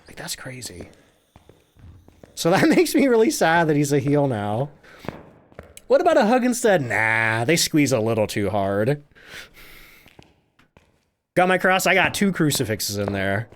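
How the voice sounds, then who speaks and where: Lively, chatty male game streamer. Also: mid-range voice, a little slow, pauses often. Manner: chatty, animated, laughs often. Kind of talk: live gameplay commentary, reading chat.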